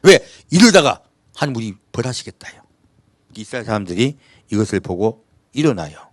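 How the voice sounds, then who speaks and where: A male pastor from the Jeolla region of South Korea, preaching a sermon with rhetorical questions and reading scripture in a measured cadence. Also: medium pitch, sing-song, dry recording, studio quality.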